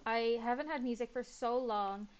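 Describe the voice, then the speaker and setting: A woman's voice: fairly high pitch, normal speed, smooth, muffled recording. A woman giving casual gameplay commentary, chatting and muttering to herself as she builds. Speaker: gaming YouTuber.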